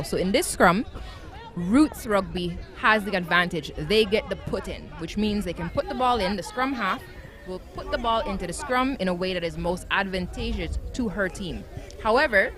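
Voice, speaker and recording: A woman commentating live on a rugby match at an outdoor ground, explaining the play in an upbeat way. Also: medium pitch.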